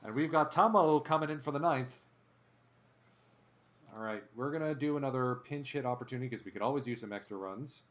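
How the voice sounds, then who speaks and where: A man's voice: mid-range voice, fairly quick. A man streaming a baseball video game, calling each play like a sportscaster and chatting with his viewers between plays. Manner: animated sportscaster-style calls. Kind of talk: play-by-play commentary while gaming.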